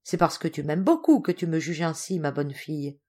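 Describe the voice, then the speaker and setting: A woman doing a gentle weary mother. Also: low-pitched, very animated, normal speed. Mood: tender. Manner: soft, tender, resigned. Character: gentle sad widowed noblewoman mother.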